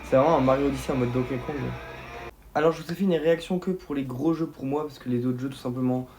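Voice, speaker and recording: A young man reacting live to a game showcase, talking straight to his viewers and breaking into excited outbursts. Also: medium pitch, quick pace, noisy background. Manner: excitable, bursts into shouts of delight; talks straight to viewers as "les gars".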